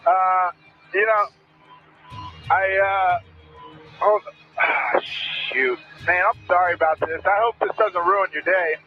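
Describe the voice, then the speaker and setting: A man's voice: high-pitched, takes it slowly, pauses often. A man in his twenties talks over a cockpit headset radio. He speaks in a hesitant, rambling way, with many fillers. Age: 20s. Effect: cockpit radio transmission over headset. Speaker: pilot of a small plane. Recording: muffled air traffic radio recording with music beneath.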